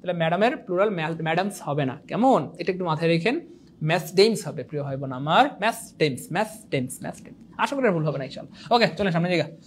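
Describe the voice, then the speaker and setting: A young man who teaches an exam prep lecture in an animated, teasing way, repeating points and quizzing his viewers. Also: fairly high pitch, quick pace, slight background noise. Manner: animated, repetitive, teasing, asks the viewers questions. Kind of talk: online lecture.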